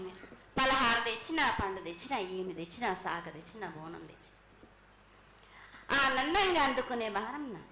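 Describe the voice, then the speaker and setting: A woman delivers prophetic trance pronouncements in a high, sharp, forceful voice. She commands like a mother goddess addressing her children, in halting, repeated phrases. The recording is echoey with faint noise behind it. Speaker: oracle speaking as a mother goddess to devotees. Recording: echoey, faint background noise at public ritual.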